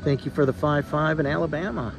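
This amateur radio operator has a gravelly voice on the high side and speaks briskly over music. Calling contacts at an outdoor park activation, he repeats reports and spells call signs phonetically.

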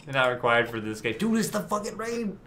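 A man's voice: a little high, big pitch swings, brisk, noisy background. A man giving casual comedic commentary on a video game, wisecracking and sarcastic, swearing now and then. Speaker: co-host of a game playthrough. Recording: voice over loud game music.

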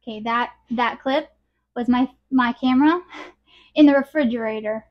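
Woman, thirties, high pitch, informal rambling vlog chat, muffled lo-fi sound. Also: normal speed. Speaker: beekeeper and farm vlogger. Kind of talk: casual chat to camera. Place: small cluttered indoor workroom.

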